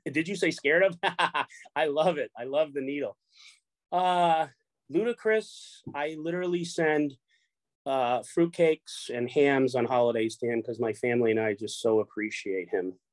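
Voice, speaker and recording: A man's voice: medium pitch, a little slow, no echo. A middle-aged man from Chicago who runs a poker show, chatting casually, rambling with repeated words and free swearing. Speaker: poker show runner and guest. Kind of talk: casual chat.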